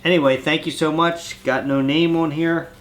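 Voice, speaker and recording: Congested from a cold and coughing occasionally, a man reads fan mail on his vlog in loose, meandering casual chat. His voice sits fairly high, with fairly even intonation and a moderate pace.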